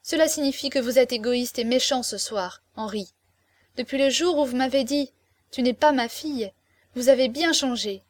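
A woman's voice: sits high, moderate pace, no echo, close to an everyday voice. A woman voicing a tender, pleading young woman in an audiobook, speaking with emotion and imploring tearfulness. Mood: reproachful. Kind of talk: audiobook character reading.

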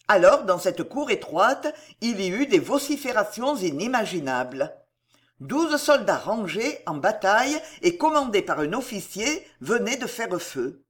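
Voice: mid-range voice, husky. An audiobook narrator reading a historical adventure novel aloud in a dramatic, vivid storytelling manner.

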